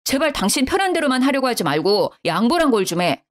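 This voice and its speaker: A woman's voice: high voice, very animated, fast, pitched above the performer's own voice. A woman voicing a young husband who answers his wife in a defensive, irritated way.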